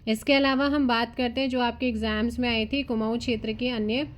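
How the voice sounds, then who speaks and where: A woman's voice: a little high, steady tone, a little fast. Woman reading exam notes aloud. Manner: reads long lists of names with asides to students. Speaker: exam coaching teacher.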